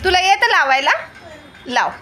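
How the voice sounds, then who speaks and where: A very high-pitched woman with a bouncy, animated voice, talking to her phone camera at home. She coaxes and scolds her little ones in a casual family vlog, with music playing behind her. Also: moderate pace, crowd noise. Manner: coaxing and scolding small children. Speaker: mother filming her children.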